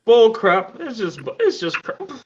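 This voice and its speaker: A man's voice: very high voice, huge pitch swings, a little slow, dull audio, background noise. A man co-hosting a casual podcast, arguing his side with insistence and some teasing. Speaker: podcast co-host. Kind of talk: casual debate chat.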